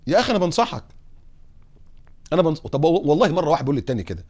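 A man with an Egyptian accent preaching on morals, putting lively rhetorical questions to his audience and telling humorous anecdotes. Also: fairly high pitch, rapid-fire. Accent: Egyptian Arabic. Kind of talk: religious talk on morals.

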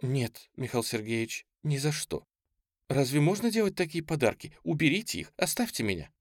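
A man's voice: big pitch swings, moderate pace, no room sound, studio quality. A man reading an audiobook, voicing a proud young genteel woman who pleads and cries out in indignation. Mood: refusing. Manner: pleading then shrill and indignant.

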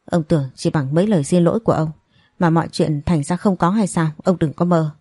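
A woman doing a bitter older mother in an audio story, hurling reproach at the man who wronged her. The voice sits low and husky, with a mellow, dry closeness. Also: a little fast, no echo. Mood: furious, accusing. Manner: accusing, reproachful. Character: grieving, furious older mother confronting a man.

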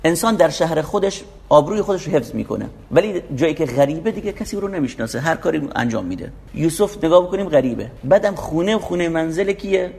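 A man's voice: on the high side, expressive, gravelly, a little mellow. A man preaching a sermon, explaining scripture verse by verse in an emphatic, urging way.

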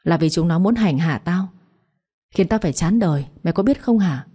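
A woman's voice: on the low side, animated, normal speed, dark tone, slightly rough. A woman voicing a cruel middle-aged stepmother who speaks coldly and with contempt. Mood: contemptuous. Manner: cold, commanding, contemptuous.

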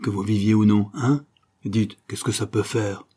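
A man voicing a rough, hard-drinking laundry worker whose raised, excitable voice slurs and mumbles when he's drunk. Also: on the low side, measured pace. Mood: excited, rowdy. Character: rough, boozy laundry worker, lamenting and wild. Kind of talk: audiobook character voice.

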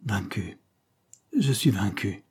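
Man reading as an impostor noble, cornered, defiant, husky. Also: fairly low pitch, measured pace, a little mellow, exaggerated voice. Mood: defeated.

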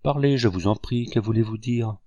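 A man voicing a gentle young woman who pleads softly and timidly, in an audiobook. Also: mid-range voice, moderate pace, dry recording, highs cut off, lightly acted. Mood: pleading. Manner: soft, pleading.

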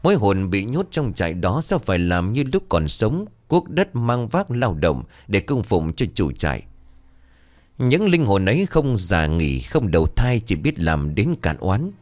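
A man playing an exorcist near sixty, solemn and knowing, explaining dark rites. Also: on the low side, sing-song, unhurried. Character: old male exorcist, grave and knowing.

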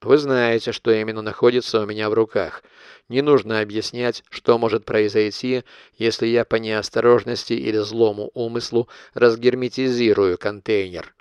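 A cold, calculating blackmailer, as an audiobook reader plays him, laying out his terms in cool clipped phrases. The voice sits fairly low and sounds smooth and resonant. The recording is close and dry, with no room sound. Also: fairly even intonation, normal speed, no echo, natural voice. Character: cold calculating male blackmailer, middle-aged. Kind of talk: audiobook character reading.

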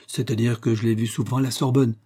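A man's voice: mid-range voice, steady tone, fast, dark tone, husky, close to an everyday voice. A man reading the part of a kindly old male chemistry professor, courteous and thoughtful.

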